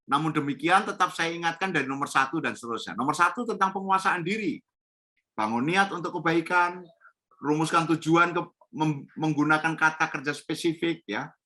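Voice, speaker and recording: A man's voice: fairly high pitch, normal speed, pushed and bright. A middle-aged man training teachers in storytelling over a video call from home, explaining in an instructive way and often repeating key points with a tag "ya". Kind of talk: online training webinar.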